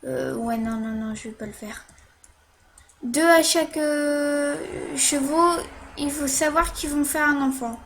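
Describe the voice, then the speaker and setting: A woman with a high voice narrates a casual game tutorial while playing. She speaks slowly and hesitantly, full of fillers and quick "hop" sounds as she clicks. A faint hiss sits under her voice. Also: fairly bright tone.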